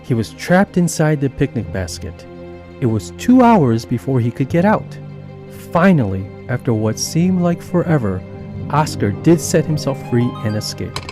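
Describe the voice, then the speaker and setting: A man narrating an animated children's story, reading in an animated, expressive way. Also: medium pitch. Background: background music.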